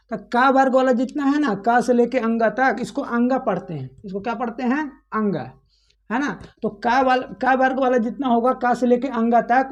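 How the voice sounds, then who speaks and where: A woman's voice: fairly high pitch, dull audio. A woman teaching a grammar lesson, asking the class questions, answering them herself and repeating the key points.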